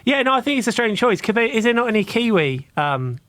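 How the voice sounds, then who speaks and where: A man's voice: extremely high pitch, big pitch swings, fast talker, a bit bright, no echo. A man co-hosting a podcast in casual chat, teasing and wry. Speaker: podcast co-host.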